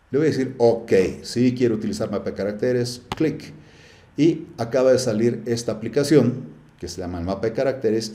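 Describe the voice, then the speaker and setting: A man's voice: on the low side, mellow, reverberant. A man teaching a live class, chatty, with many fillers and often checking in with the students. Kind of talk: live class screen-share tutorial.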